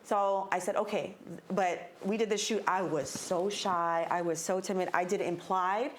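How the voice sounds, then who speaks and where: A woman's voice: mid-range voice, fairly even intonation, moderate pace, slight background noise. A woman candidly telling a personal story in casual chat, swearing freely. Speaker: guest.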